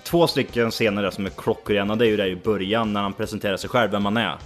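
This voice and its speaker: A man's voice: on the low side, steady tone, faint music behind. A young man chatting loosely about films, asking questions and swearing casually. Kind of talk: casual chat.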